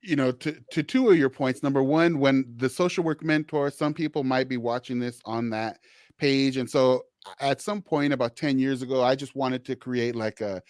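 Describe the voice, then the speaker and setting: A man's voice: medium pitch, normal speed, darkish tone, dry recording, studio quality. A man hosting a social work podcast who talks in a rambling, conversational way, restarting sentences and filling gaps with "you know". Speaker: podcast host, social worker.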